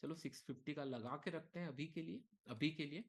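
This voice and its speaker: A man leading a live market lesson, talking casually and thinking aloud, with frequent okays and short pauses. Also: on the high side. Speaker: trading instructor. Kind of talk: live market teaching session.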